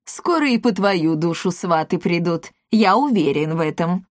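A woman's voice: on the low side, lively intonation, normal speed, dry recording, clean studio sound, lightly acted. Woman doing a jolly clueless father. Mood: blustering. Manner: jolly, pleased with himself. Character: silly boastful middle-aged father, cheerful and clueless.

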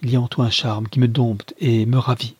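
A man's voice: mid-range voice, flat delivery, fairly quick, darkish tone, slightly rough, no echo, highs cut off, lightly acted. A man voicing an impassioned young mother. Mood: tender. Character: young mother torn by love, impassioned woman.

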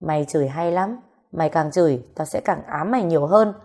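A woman's voice: deep voice, brisk, a little mellow. A woman voicing a jealous, possessive young man who stubbornly refuses to let go. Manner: pleading and possessive.

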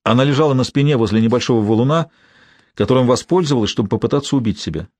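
A man reading a thriller audiobook aloud in an even, measured way. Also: medium pitch, dry recording. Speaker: audiobook narrator. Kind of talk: scripted narration. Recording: dry studio sound.

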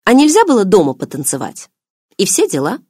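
A woman voicing a sharp-tongued, bossy young woman in an audiobook, with snappy, sarcastic lines. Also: mid-range voice, wildly swooping pitch, a little fast, breathy edge, no echo, studio quality.

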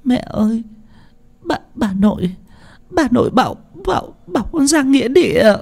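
A man's voice: very animated, takes it slowly, a little mellow, heavily acted. A man voicing a frightened village woman and her crying daughter, stammering in panic. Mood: terrified sobbing. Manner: panicked, stammering, high and shrill.

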